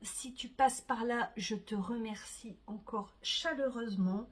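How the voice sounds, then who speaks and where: Chatty lady knitting vlogger, kinda high husky voice, lots of ums and soft little asides. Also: measured pace. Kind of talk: casual chat to camera.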